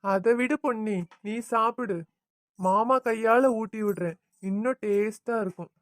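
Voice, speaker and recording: A woman's voice: a little high, unhurried, no room sound, close to an everyday voice. A woman doing a firm young husband. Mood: affectionate. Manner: warning, insistent, affectionate to wife. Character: loving young husband, firm with his mother. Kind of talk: cartoon voice acting.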